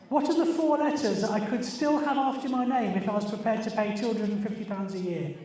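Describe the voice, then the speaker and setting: A sixty-year-old man with a British accent, chatting informally as a party quizmaster, halting and rambling as he calls out to guests. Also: very high voice, darkish tone. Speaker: birthday party quizmaster and host. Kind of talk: informal party quiz chat to a group. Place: echoey room at a live party. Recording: very echoey room, distant microphone.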